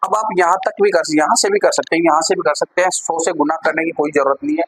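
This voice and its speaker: A man's voice: on the high side, steady tone, quick pace, a bit bright, breathy edge, low-quality recording. A man teaching a maths lesson to students, who talks them through each step and keeps checking that everyone has understood. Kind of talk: classroom-style maths lesson.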